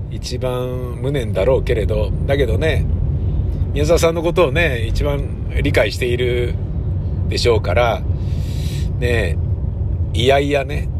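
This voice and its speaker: A man's voice: mid-range voice, noisy background. A man, a stage actor, reminiscing casually in a wistful storytelling manner, acting out the quoted lines of others.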